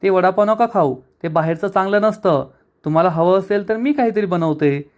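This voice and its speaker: A man retelling a TV serial scene, voicing a gentle, caring young wife who worries about her father-in-law. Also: sits high, fairly quick, close to an everyday voice. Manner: concerned, polite.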